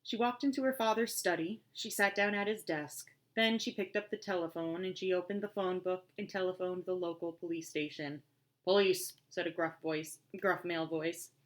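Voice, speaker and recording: A woman reading a storybook aloud in a measured storytelling manner. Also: lowish voice. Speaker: audiobook reader. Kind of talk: scripted narration.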